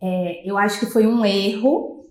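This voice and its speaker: A woman talks softly and reflectively about motherhood and loss, in an intimate podcast interview. The recording has a noticeable roomy echo, and her voice sits at an ordinary mid pitch. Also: unhurried. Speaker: mother sharing her grief. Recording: echoey room.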